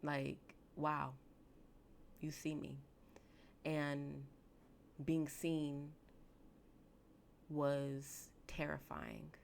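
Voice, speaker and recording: A woman in her late twenties, a therapist hosting her podcast, reflecting slowly and emotionally with halting restarts. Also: low voice, level tone, gravelly, slight background noise. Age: late 20s. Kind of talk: reflective solo podcast talk.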